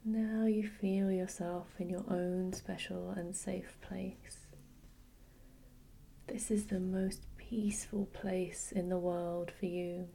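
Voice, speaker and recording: A woman whispering a slow, soothing guided relaxation with gentle repetition. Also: fairly low pitch, flat delivery, creaky, a little hiss or hum, rough recording. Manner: soft unvoiced whisper. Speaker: hypnosis guide.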